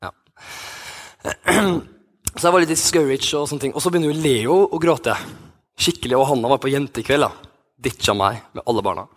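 A man in his thirties, a youth pastor, telling a personal story in a sermon with many restarts and fillers. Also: medium pitch. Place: church hall.

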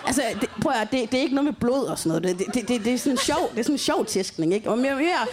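A woman's voice: a little high, animated, background noise. A woman hosting a podcast, telling a funny story casually, laughing often and swearing. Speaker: podcast host. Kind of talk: comic storytelling.

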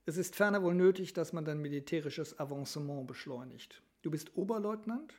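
A man voicing an ailing grand duke, the older brother, who speaks in a formal, tired and measured way in a novel reading. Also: on the high side, lightly acted. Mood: weary formal.

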